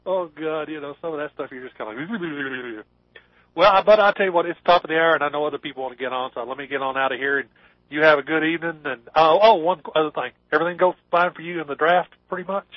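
Jokey caller over the phone. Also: male voice, a little high, quick pace, no room sound. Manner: jokey, laughs often. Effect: heard over the phone line. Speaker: radio show caller. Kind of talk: joking casual chat. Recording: dull, dry phone line.

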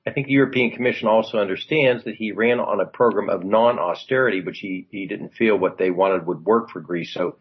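His husky, lowish voice moves fairly quickly with few pauses as this former congressman rambles about the news on talk radio. As a political commentator, he peppers his chat with fillers and asides. The recording is muffled.

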